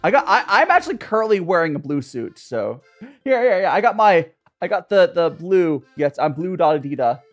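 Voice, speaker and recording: A young streamer with a Southern Californian accent hosts a tea chat, casually talking to his live chat, rambling, joking at his own expense, and filling his speech with restarts and fillers. He's very animated and brisk, his pitch swinging up and down a lot. Soft music plays faintly behind him.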